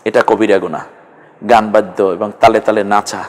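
A man's voice: fairly low pitch, fairly even intonation, brisk. A man teaching a Quran class, patiently drilling Arabic letters one at a time and modelling their pronunciation. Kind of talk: online Arabic letter lesson. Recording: long hall reverb.

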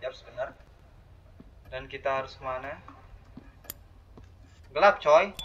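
A man's voice: medium pitch, pushed and bright. A young man, chatting to viewers while playing a horror game and letting out sudden startled exclamations. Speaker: gaming channel host. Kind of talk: horror game let's play commentary. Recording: dull lo-fi audio with faint hiss.

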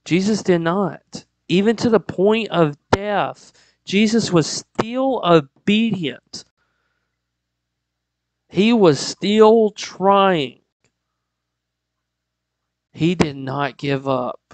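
A man's voice: high voice, lively intonation, takes it slowly, no echo, low-quality recording. A man preaching a casual sermon, chatty and joking, with pop-culture asides and frequent laughs.

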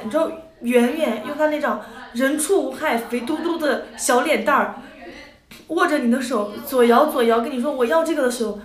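A young woman in her twenties spins a funny story for her audience, animated and quick to giggle. She slips into playful voices whenever she quotes someone. Her voice sits a little high and rings in an echoey room. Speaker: idol group member. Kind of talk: casual storytelling to a livestream audience.

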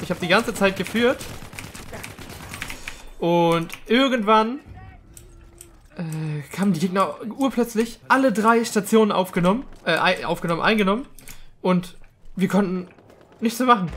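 A man's voice: sits high, a bit bright, a little hiss or hum. A young man gives chatty, slangy let's-play commentary, rambling casually with English gamer words mixed in. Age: young adult. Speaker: gaming video host.

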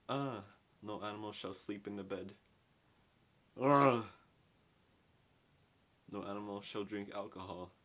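Young male book reviewer, deep voice, slangy and rambling, casual at-home delivery. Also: a bit bright. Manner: rambling, slangy, filler-heavy with lots of "like". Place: small dim bedroom at home.

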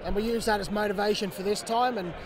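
A man in his thirties, a rugby director, giving a measured and gracious post-match interview outdoors beside the pitch. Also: fairly even intonation. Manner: measured, gracious, hedging fillers. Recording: crowd noise outdoors.

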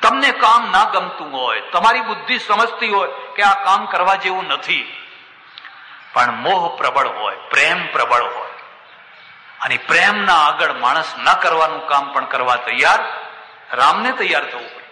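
A man preaching a sermon in a lively storytelling style that acts out the voices. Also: on the high side, moderate pace. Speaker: swami, preacher. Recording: echoey hall with long reverb.

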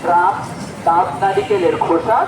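A Bangladeshi man delivers a scripted public health announcement through a megaphone. His voice sits high for a man. The recording is noisy, as if made out on the street. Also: steady tone, moderate pace. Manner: addressing residents through a megaphone. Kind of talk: read-out public service announcement.

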